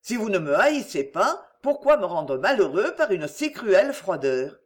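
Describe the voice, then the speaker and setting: A woman voicing an ardent, smooth-talking English gentleman who pleads and flatters as he courts a young woman in a storybook reading. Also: medium pitch, measured pace.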